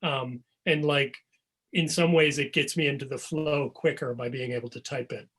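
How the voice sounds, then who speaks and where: This novelist, appearing as a guest on a video call, chats about his writing in a loose, rambling way, full of ums and restarts. His husky voice is medium-pitched and moves at normal speed.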